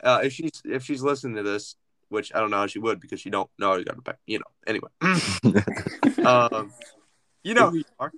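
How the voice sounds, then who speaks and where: A man's voice: on the low side, animated, brisk, sharp tone, no echo. A man co-hosting a comedy talk show, speaking in a pompous, mock-formal, old-timey way. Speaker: podcast co-host. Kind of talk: comedic banter.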